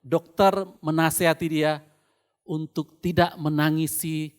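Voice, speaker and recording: An Indonesian man preaching a sermon through a face mask, slightly muffled, deliberate, pausing and repeating phrases for emphasis. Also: fairly high pitch, flat delivery, clean tone.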